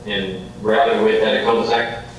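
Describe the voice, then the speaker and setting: A man speaking in a low, flat voice over a remote call whose audio keeps cutting in and out. He sounds distant and echoey, with clear background noise on the line, and his speech is halting, full of restarts. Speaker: county staff member. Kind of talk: meeting discussion.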